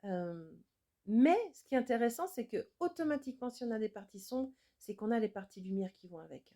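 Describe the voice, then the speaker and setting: A woman with a somewhat high, mellow voice talks straight to her viewers in an improvised monologue. She is an energy healer and a mother, and she speaks in an earnest, reflective way. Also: expressive, brisk. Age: adult with children.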